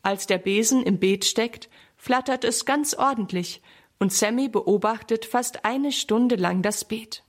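A woman reading a children's story aloud in a clear, friendly way. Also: on the high side, a little slow.

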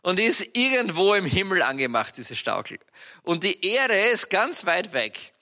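A man with an Austrian accent preaching a sermon, telling personal stories in a lively, animated way with sudden loud outbursts. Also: high-pitched. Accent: Austrian German.

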